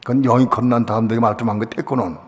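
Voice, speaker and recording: A male pastor preaching a Friday evening sermon, passionate, dropping to quiet asides and rising to shouted declarations. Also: mid-range voice, fairly even intonation, rapid-fire, long reverb tail. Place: church sanctuary.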